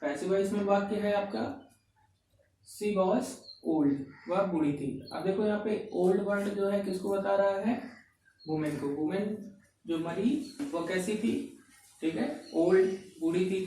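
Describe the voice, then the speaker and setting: A man teaching English grammar in a lesson, slow and repetitive, dictating examples word by word. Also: sits high, mellow, recorded from a distance. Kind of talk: classroom-style grammar lesson. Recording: very echoey room, voice from off-mic, faint noise.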